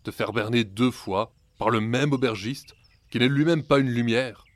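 Man as a fairy-tale ogre, low voice, stern, scolding, fond but fed up. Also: measured pace, dry recording. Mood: stern warning. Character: fond but exasperated male ogre, part magician.

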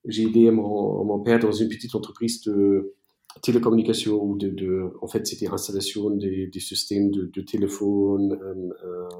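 A man from East Germany, a native German speaker, answering interview questions in a halting way with many fillers and restarts. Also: fairly low pitch, level tone, warm tone, roomy sound. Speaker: entrepreneur guest.

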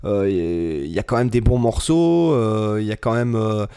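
A man's voice: on the low side, expressive, moderate pace, mellow, smooth. A man co-hosting a casual podcast chat, rambling with lots of fillers and restarts. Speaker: podcast co-host, guitar teacher.

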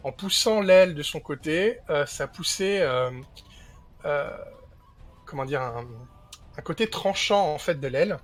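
Male player, slightly higher pitch, voice-chat mic; hesitant storyteller who keeps restarting. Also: lively intonation, a little slow. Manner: hesitant, full of fillers and restarts. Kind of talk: narrating his character's actions in a tabletop game. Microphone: push-to-talk voice chat.

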